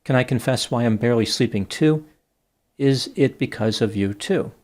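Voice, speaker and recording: A man reading out the messages of a flirty female AI chatbot, slowly and plainly. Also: mid-range voice, darkish tone, close to an everyday voice. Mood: gushing.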